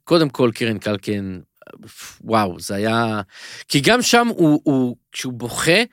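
A man co-hosts a casual podcast about a TV series. His voice sits at a middling pitch. He talks in animated, rambling bursts full of restarts, and the room sound is dry and close. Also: no room sound. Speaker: podcast co-host. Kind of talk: casual TV-recap podcast chat.

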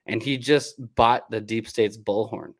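A man's voice: fairly low pitch, steady tone, a little slow. Earnest man asking rhetorical questions. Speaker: podcast co-host. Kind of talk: casual political chat.

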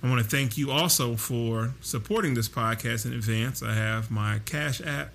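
Man podcasting casually over steady hiss. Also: mid-range voice, normal speed, gravelly. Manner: conversational, addresses listeners directly. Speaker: podcast host and personal trainer. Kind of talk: casual solo podcast talk. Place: at home with air conditioning running. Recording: constant air conditioner hiss. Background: hissing air conditioner noise.

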